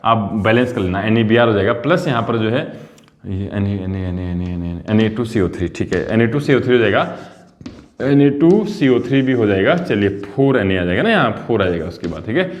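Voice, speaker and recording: A male chemistry teacher giving a lively lecture, repeating key terms and coaxing his students to answer. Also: on the low side, brisk. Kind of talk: classroom lecture.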